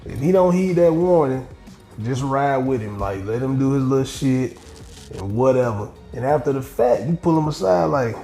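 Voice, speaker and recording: A middle-aged man hosting a podcast, talking bluntly with lots of profanity and animated storytelling in casual chat. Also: mid-range voice, normal speed. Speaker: podcast host. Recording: echoey room with faint music.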